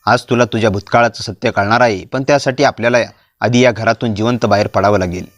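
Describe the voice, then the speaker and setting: A man voicing a protective middle-aged aunt who speaks in hushed, urgent tones in a storybook. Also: fairly low pitch, fairly even intonation, quick pace, no room sound, lightly acted.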